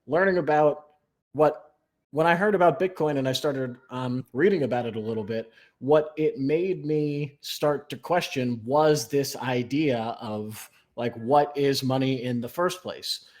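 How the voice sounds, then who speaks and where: Man calmly explaining as a podcast guest. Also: medium pitch. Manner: measured explainer, many "um" and "you know". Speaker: guest, newsletter writer. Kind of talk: explanatory interview talk.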